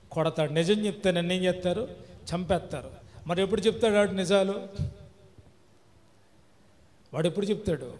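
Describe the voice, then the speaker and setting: A man's voice: on the high side, a little mellow. A man preaching a sermon, putting emphatic repeated questions to his listeners. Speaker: pastor. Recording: long reverb with faint music.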